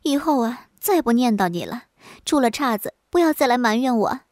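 Patient village wife pleading her case, as a storyteller does her, bright and high. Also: lively intonation, moderate pace, no echo, studio quality, lightly acted. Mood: aggrieved. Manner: pleading, mildly aggrieved.

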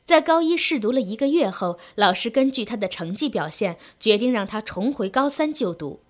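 Lady reading a sad love story out loud, emotive, pitch going up and down a lot. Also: lively intonation, moderate pace.

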